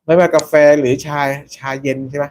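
Guy doing a chatty live stream, slightly high voice, polite little fillers every few words. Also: steady tone, brisk, mellow, slight background noise. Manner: chatty, peppers talk with polite particles, reads out viewer names. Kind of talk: casual live-stream commentary.

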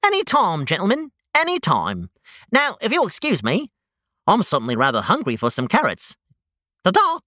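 A chipper gentleman rabbit from a children's story, played by a man. He speaks with formal courtesy and jovial bounce, pitch leaping around in a dry, close recording. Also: huge pitch swings, normal speed, no echo, heavily acted. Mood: breezy, chipper. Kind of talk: children's storytime podcast character acting.

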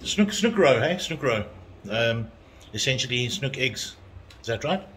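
Friendly South African male vlogger, mid pitch, talking to camera outdoors over noise. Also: animated, unhurried, fairly bright tone. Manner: friendly, chatty, mixes in Afrikaans words. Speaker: vlogger at a fishing competition. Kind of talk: casual vlog chat. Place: outdoors at a fishing camp.

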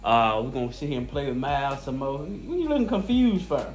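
A man with a mid-range, animated voice speaks a little fast over soft background music. Hosting a casual family vlog at home, he teases and coos at a baby in playful baby talk, then turns to address his viewers directly.

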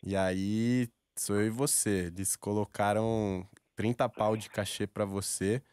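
A man's voice: fairly low pitch, steady tone, unhurried, a little mellow, smooth, dry recording. A Brazilian man in his twenties in casual, coaxing, slangy chat at a studio microphone. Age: 20s. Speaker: radio prank caller. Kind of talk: casual persuasive phone prank chat. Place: radio studio. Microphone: studio microphone on desk stand.

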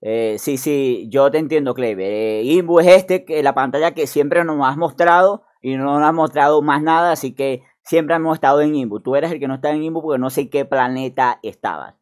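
A man chatting casually over a screen recording of a game, chatty and mock-excited. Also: fairly high pitch, normal speed, few pauses. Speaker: gaming youtuber.

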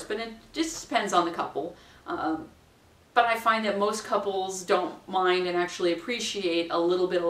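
A woman in her forties, a wedding minister, giving practical training to camera in a chatty way, playfully acting out what people say. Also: on the low side. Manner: chatty, practical, acts out quotes with a bright lilt. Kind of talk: instructional talk to camera. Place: small room at home, indoors. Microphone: camera mic at a distance. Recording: roomy, distant camera sound.

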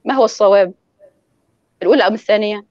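A woman's voice: medium pitch, rapid-fire, no room sound, highs cut off. A woman teaching in an online lecture, explaining pronunciation rules and demonstrating examples over a call. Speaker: guest lecturer on Quran recitation.

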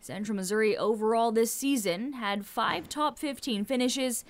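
A woman reading a scripted sports recap voice-over, in an even tone. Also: fairly high pitch, normal speed. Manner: even, reads scores and results. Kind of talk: scripted narration.

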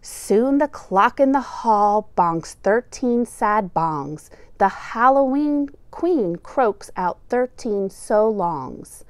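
A middle-aged female teacher reads a children's picture book aloud, telling the story in a deliberate, expressive way. Her voice sits at a medium pitch, and the recording has no room sound.

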